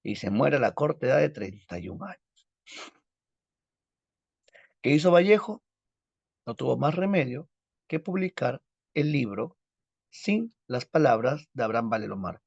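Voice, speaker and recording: A man's voice: medium pitch, sing-song, measured pace, vocal fry, long pauses, a little mellow, slightly rough, no echo. A male literature teacher, telling a dramatic story as a lecture and asking rhetorical questions. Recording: dull lo-fi dry recording.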